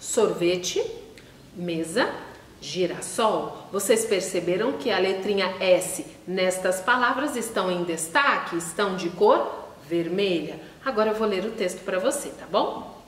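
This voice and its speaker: A Brazilian Portuguese woman teaching small children, her voice lively and full of melody. She speaks slowly and spells out each word with care, asking again and again that they follow along. The sound comes from a distance in an echoey room with a long reverb tail. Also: medium pitch, slight background noise. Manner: slow, clear pronunciation with gentle encouraging prompts. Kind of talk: recorded online lesson for young children.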